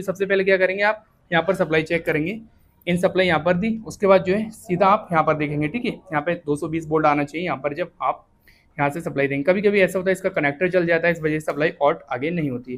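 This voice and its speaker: A man teaching a step-by-step repair, explaining each check plainly and often pausing to confirm with the viewer. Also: sits high, fairly even intonation. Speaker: repair instructor. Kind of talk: hands-on repair tutorial.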